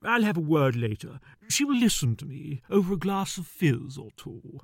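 A man's voice: on the high side, big pitch swings, moderate pace, gravelly, no echo, full character voice. A man playing a breezy, overconfident friend who dismisses everyone's worries.

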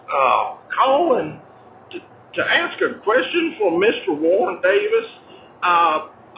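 A man's voice: high voice, full character voice. A man doing a folksy farmer caller on a phone line. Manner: halting, full of hesitant uhs. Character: folksy male farmer caller with critter troubles. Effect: heard over a landline phone voicemail. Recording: tinny echoey phone voicemail, faint hiss.

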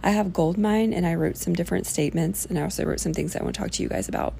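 Gravelly-edged woman, rambling informally. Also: fairly low pitch, very fast, dark tone, slight background noise. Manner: rambling, thinking aloud. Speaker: workshop presenter. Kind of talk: informal self-help workshop talk.

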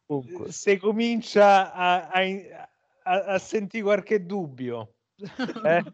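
A man's voice: sits high, lively intonation, slow, no room sound, pitched above the performer's own voice. A man voicing a doubtful football fan in a clipped, slangy Roman accent. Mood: doubtful, joking. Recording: slightly dull, lo-fi podcast audio.

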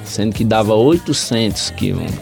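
A man's voice: on the low side, expressive, fairly quick, gravelly, darkish tone, soft background music. A man from Paraíba, a podcast guest telling a long story in a rambling, casual way. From Paraíba, Brazil. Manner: rambling, with frequent "entendeu?" and "velho".

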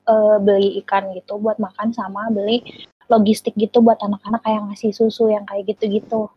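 Young Sundanese-accented woman, husky voice. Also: medium pitch, brisk. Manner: lively storytelling, slangy and expressive. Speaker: podcast guest. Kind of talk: casual podcast chat. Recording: somewhat dull lo-fi sound.

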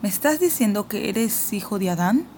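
A woman's voice: medium pitch, animated, normal speed, warm tone, close to an everyday voice. A woman voicing an imperious queen who questions sharply and impatiently, in an audiobook reading with a faint hiss behind. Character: cold imperious queen, commanding and suspicious.

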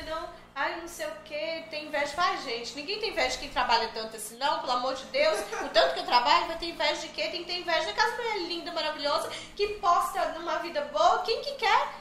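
An extremely high-pitched, fast-talking middle-aged woman entertains as a podcast guest with animated stories and plenty of jokes. The conversation is casual and chatty, and the recording has room echo plus faint background noise.

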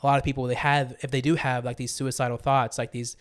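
A man's voice: mid-range voice, level tone, fast. A young man co-hosting a podcast, chatting about music in an enthusiastic, rambling way with many restarts. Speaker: podcast co-host. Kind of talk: casual music review chat.

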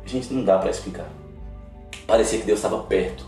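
A man's voice: on the low side, brisk, mellow. Earnest man telling a testimony. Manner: earnest, emotional storytelling. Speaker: guest missionary. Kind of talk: personal testimony in a podcast interview. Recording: roomy, distant mic, faint music.

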